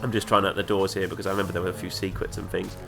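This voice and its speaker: A gaming video host with the flu, his voice congested and nasal from a cold, chats enthusiastically and somewhat ramblingly through let's-play commentary. His voice is low, flat, very fast, with vocal fry. Game music and sounds play underneath.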